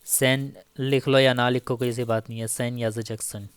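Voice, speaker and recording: A man teaching Turkish grammar in a casual spoken lesson, slowly repeating each example and checking in often with the listener. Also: medium pitch, flat delivery, clean tone, no room sound. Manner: slow, repeats each example with frequent "theek hai".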